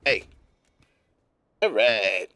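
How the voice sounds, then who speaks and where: A man streaming a game live, giving profane, rambling running commentary in a put-on gravelly smoker's rasp. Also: on the low side, big pitch swings, extremely slow, sharp tone, dry recording.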